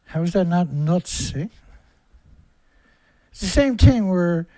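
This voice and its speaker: A man's voice: high voice, animated, slow pace, mellow, no room sound. Angry ranting man on a livestream. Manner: angry, profane, hammering rhetorical questions. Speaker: livestream host.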